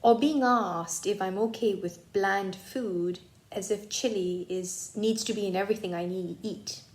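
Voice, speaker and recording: A woman from Malaysia speaking briskly and matter-of-factly in an interview. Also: mid-range voice.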